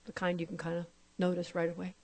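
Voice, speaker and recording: Woman minister, sermon testimony, lively retelling of a conversation. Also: fairly low pitch, fast. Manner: storytelling, acting out both sides of conversations.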